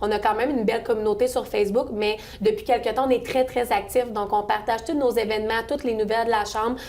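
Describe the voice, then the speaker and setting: A woman's voice: on the high side, fairly even intonation, fast talker, darkish tone. A young woman in her twenties with a Québécois French accent, chatting as a guest in a local interview, friendly, with many fillers and restarts. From Quebec, Sorel-Tracy region. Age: 20s. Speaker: chamber of commerce events staff, guest.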